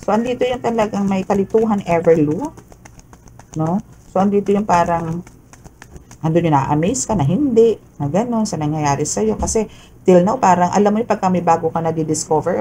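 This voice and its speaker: A woman's voice: deep voice, dark tone, slight background noise, low-quality recording. A woman giving a casual tarot reading, chatty and often checking in with the listener. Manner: chatty, peppers talk with "no?" and "okay?". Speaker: tarot reader.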